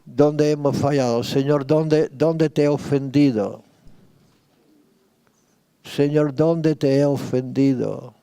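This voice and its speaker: A man, a pastor, leading a sermon and spoken prayer, repeating his pleas slowly and fervently. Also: a little high, steady tone, gravelly, mellow, clear, resonant tone, no room sound. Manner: slow fervent praying, repeating pleas, rising in intensity. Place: church retreat.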